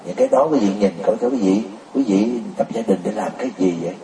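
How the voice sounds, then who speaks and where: Male preacher, relaxed warm tone, teasing questions, roomy recording with faint background noise. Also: fairly low pitch, quick pace. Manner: keeps pressing the crowd with rhetorical questions, often laughing. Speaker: Buddhist teacher. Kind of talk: sermon to a congregation. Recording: roomy, distant mic.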